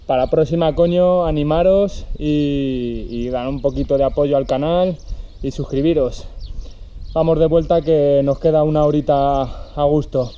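A man's voice: a little high, steady tone, normal speed, clear, resonant tone. A man in his thirties with a Peninsular Spanish accent, vlogging outdoors in casual chat to camera. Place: outdoors, park and hilltop picnic area. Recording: dull sound with loud outdoor noise.

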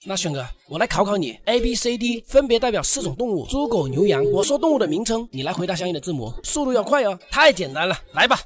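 Casting: performer as excitable student gamer for game cartoon skits, lively swinging intonation, Mandarin internet slang. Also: medium pitch, fast talker, few pauses, a crowd in the background, natural voice. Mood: confident. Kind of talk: comedy skit voice acting.

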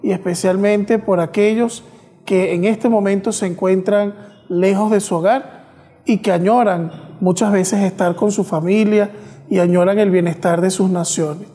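Cathedral-like echo, male priest, mellow voice, solemn liturgical address, measured phrasing. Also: sits high, steady tone. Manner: measured, reverent delivery in short phrases. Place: small chapel, indoors, at the altar. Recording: long cathedral-like echo in chapel.

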